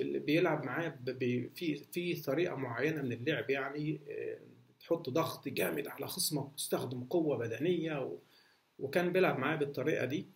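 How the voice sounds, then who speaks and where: A man's voice: mid-range voice, creaky, a little hiss or hum. A man with an Egyptian Arabic accent, a martial arts instructor answering viewer questions in a casual talk, full of fillers and restarts. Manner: hesitant, many restarts and fillers. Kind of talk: casual Q&A monologue.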